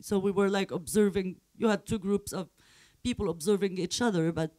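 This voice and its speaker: Hesitant man, mellow voice. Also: high-pitched, fairly quick. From Morocco. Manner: hesitant, many fillers and restarts. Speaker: panel guest, journalist. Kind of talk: panel discussion answer.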